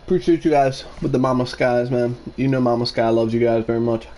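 A man's voice: medium pitch, steady tone, fairly quick, dark tone, a little hiss or hum. A man talking casually to his livestream chat, hyped up, repetitive and swearing freely.

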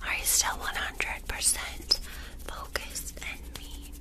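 A young adult woman in a whispered role-play as a reiki healer, speaking breathily and close to the microphone in fast, insistent ASMR with commanding, rapidly repeated words. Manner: commanding, directing the listener to focus. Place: small dark room indoors. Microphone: close desk microphone.

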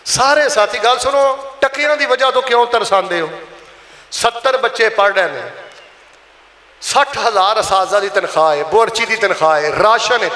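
A man's voice: very high-pitched, sharp tone. A man with a Punjabi accent delivering an impassioned Friday sermon in a mosque, calling on the congregation to answer aloud. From Pakistan. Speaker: Friday preacher. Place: large mosque hall. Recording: echoey mosque hall, long reverb.

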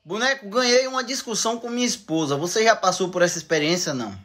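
A man's voice: high-pitched, quick pace, fairly bright tone. A man hosting a couple's comedy Q&A, teasing his partner and giving mock-wise answers to viewer questions. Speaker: comedy couple channel host. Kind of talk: joking couple Q&A.

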